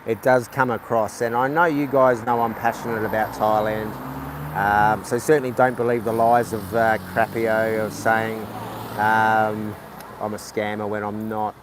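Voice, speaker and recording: A man's voice: fairly low pitch, level tone. Man, casual live-stream chat, rambling with restarts, phone mic outdoors, faint street noise. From New Zealand. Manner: rambling, halting, with many restarts. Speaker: livestreaming vlogger. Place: outdoors at a night market.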